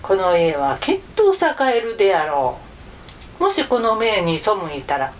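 A woman's voice: medium pitch, wildly swooping pitch, measured pace, slight background noise. A woman voicing a young man who poses as a grave, commanding heavenly messenger in a folk tale. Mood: solemn. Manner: grave, commanding, archaic speech.

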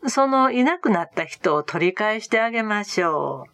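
A woman voicing a smooth-talking male stranger in a storybook reading, polite and persuasive. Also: mid-range voice, expressive, moderate pace, fairly bright tone, no echo.

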